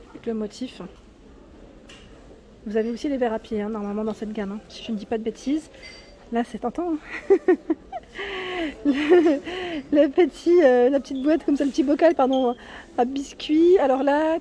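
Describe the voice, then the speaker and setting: A woman's voice: high voice, mellow. A woman filming a casual shopping vlog inside a large store, chatting to viewers about products and prices on a handheld phone and often tagging "hein" onto her sentences. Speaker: vlogger showing store products.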